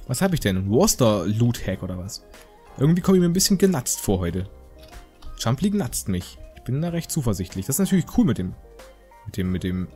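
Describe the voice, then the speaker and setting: A gaming video host with a warm, mid-range male voice gives casual, joking game commentary. His delivery rambles, full of slang and mock indignation.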